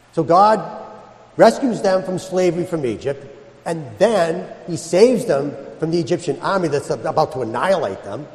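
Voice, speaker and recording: A man's voice: a little high, darkish tone. A man, a priest, reading the Gospel and preaching a homily in a conversational way with everyday examples, his voice ringing with cathedral echo in a large church. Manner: conversational, uses everyday examples and acted-out asides. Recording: echoey church with long hall reverb.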